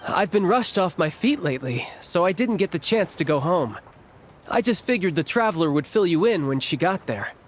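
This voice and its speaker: A cocky young warrior with an easy, teasing way of talking. His pitch moves freely and he sounds relaxed with family. Soft game music plays behind. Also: moderate pace. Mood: apologetic. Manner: easygoing, teasing. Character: cocky young male warrior, playful older brother.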